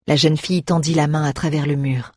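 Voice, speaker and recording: A woman reading a fantasy story aloud in a steady, measured way. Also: low voice, breathy edge, no echo, clean studio sound. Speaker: audiobook reader. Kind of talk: scripted fantasy narration.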